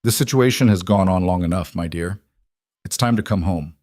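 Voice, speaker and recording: Cold disdainful tycoon father, sixty, voiced by a male narrator, low and dry. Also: normal speed, a little mellow, dry recording, lightly acted. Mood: scornful. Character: cold wealthy Italian-born father, about sixty. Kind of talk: audiobook character voice.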